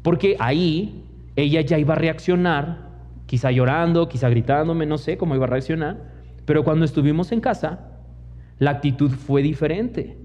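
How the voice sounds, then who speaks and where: A man's voice: fairly high pitch, moderate pace, darkish tone. A young man with a Mexican accent preaching a sermon as pastor, telling personal stories and acting out the voices of the people in them. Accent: Mexican Spanish. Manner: storytelling preacher who mimics others in quoted asides. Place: church hall. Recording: long church hall reverb, dull lo-fi sound.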